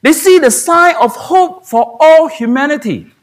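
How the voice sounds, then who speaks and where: Animated man preaching a sermon. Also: extremely high pitch, measured pace. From Singapore. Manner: animated preaching with rhetorical questions to the congregation. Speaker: pastor. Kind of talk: Good Friday sermon. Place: church sanctuary.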